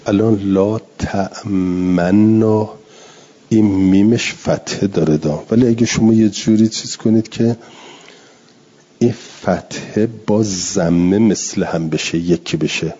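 Deep husky man teaching recitation. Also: dark tone. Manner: explains slowly, drawing out Arabic words to demonstrate pronunciation. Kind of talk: classroom lecture on Quran readings. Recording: dull lo-fi recording.

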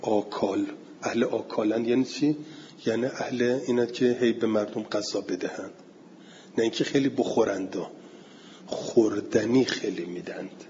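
A man teaching a class, explaining word meanings step by step, asking and answering his own questions and slowing down to recite verse. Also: lowish voice, fairly even intonation, dark tone, big-room sound, lo-fi sound, slight background noise. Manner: slows down to recite Arabic verse and terms.

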